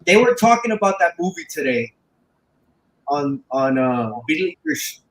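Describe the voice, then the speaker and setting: A man in his thirties, co-hosting a podcast in casual chat, animated and often stumbling over and repeating his words. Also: a little high, moderate pace, poor audio. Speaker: podcast co-host.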